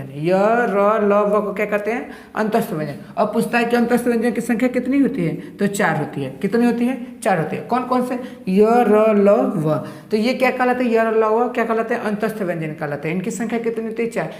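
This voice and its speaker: A male teacher giving a grammar lesson, asking his own questions and answering them with repeated terms. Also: sits high. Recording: roomy echo.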